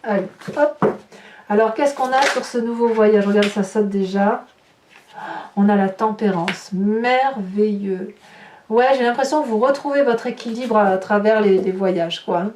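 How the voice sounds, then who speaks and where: A woman's voice: medium pitch, normal speed, noisy background. A woman giving a chatty, reassuring tarot reading, often restarting her phrases. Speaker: tarot reader. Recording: echoey room, voice from a distance.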